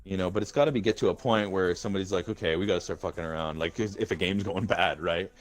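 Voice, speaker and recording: A fairly low-pitched man talks loosely in a voice chat, rambling, swearing and tripping over his words as he lays out plans for his gaming group. Faint music plays behind him. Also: fast. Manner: rambling and profane, with many restarts. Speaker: gaming community leader. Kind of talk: casual voice-chat talk.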